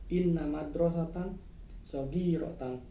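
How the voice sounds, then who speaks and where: A male student slowly and carefully reading out Arabic example phrases for his teacher. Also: fairly high pitch, phone-quality sound. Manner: reads slowly and carefully, repeating on request. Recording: roomy with faint background noise.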